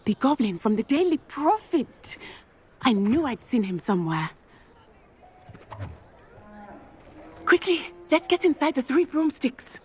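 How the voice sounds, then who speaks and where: A woman's voice: high voice, very animated, moderate pace, a little hiss or hum. A young woman playing an earnest, anxious student witch in a video game. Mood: anxious curiosity. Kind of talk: cinematic video game acting.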